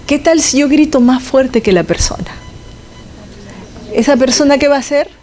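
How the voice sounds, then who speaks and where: A woman's voice: high voice, moderate pace, a little mellow. A woman giving a conversational lecture to health students, asking the class questions and adding sound effects.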